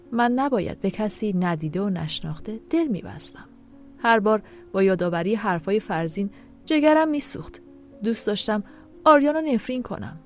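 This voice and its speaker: Emotive high-voiced woman storyteller. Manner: emotive, dramatic. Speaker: audiobook narrator. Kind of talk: first-person audio story narration. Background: soft background music.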